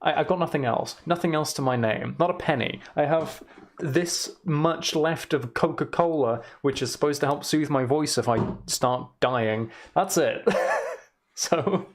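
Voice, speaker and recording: Creaky young man streaming in an echoing room. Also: fairly high pitch, a little slow, slight background noise. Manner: rambling, chatty. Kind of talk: casual livestream chat. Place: emptied room in a house, indoors. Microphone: microphone attached to a shelf.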